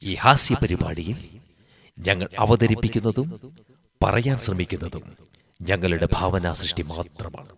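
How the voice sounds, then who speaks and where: A man reading scripted credits as the announcer in a formal, measured way. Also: low voice, creaky.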